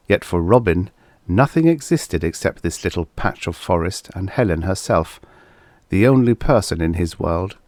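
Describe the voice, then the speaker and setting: A low-pitched man reads a vintage science fiction story as an audiobook narrator, telling it in a dramatic, expressive way, with no room sound audible.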